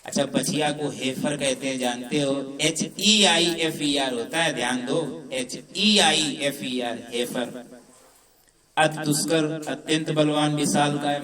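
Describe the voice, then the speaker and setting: A man teaches vocabulary in a coaching class, spelling each word out one letter at a time. His voice sits a little high but stays flat and unhurried. The mic is set back, so the sound is distant and echoey. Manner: slow, deliberate dictation. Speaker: English teacher. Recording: roomy echo from far off mic.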